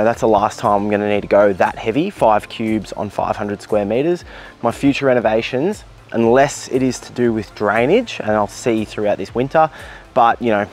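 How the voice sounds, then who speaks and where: A man in his thirties with an Australian accent, chatting casually to camera outdoors in a backyard, relaxed and full of fillers and self-corrections. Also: on the low side. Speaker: lawn care vlogger. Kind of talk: casual vlog talk to camera. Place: outdoors in a large backyard lawn. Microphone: handheld camera held at arm's length, partly a distant camera.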